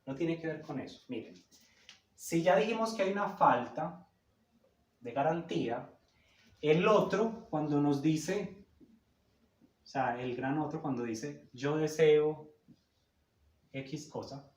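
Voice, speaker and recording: A man's voice: a little high, animated, unhurried, long pauses. Male lecturer, emphatic teaching tone, echoey room, sits back from the mic. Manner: didactic, emphatic, checks in with "cierto?". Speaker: psychoanalysis lecturer. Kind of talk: explanatory talk on psychoanalysis. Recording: roomy echo, a bit far from the mic.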